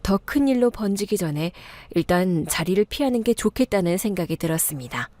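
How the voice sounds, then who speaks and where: A woman's voice: lowish voice, warm tone, no echo. Woman narrating a dramatic story. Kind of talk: scripted first-person story narration.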